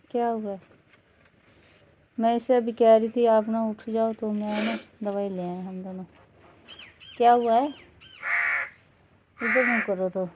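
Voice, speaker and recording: A woman's voice: a little high, mellow, a little hiss or hum. A woman from Pakistan in a casual home vlog who talks worriedly, asks questions and repeats herself. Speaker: vlogger's wife.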